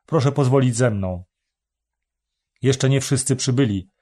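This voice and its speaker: A deferential young servant, read by a male narrator, courteous and formal in his speech. His voice sits at a middle pitch, close to the reader's everyday tone. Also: unhurried, dark tone, lightly acted.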